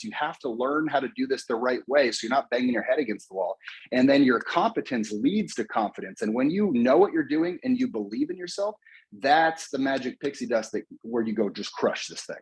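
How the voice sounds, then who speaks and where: An American man giving an energetic, repetitive motivational pep talk to a sales team, coaching and rallying them. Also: medium pitch, brisk, breathy edge, low-quality recording. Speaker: motivational speaker.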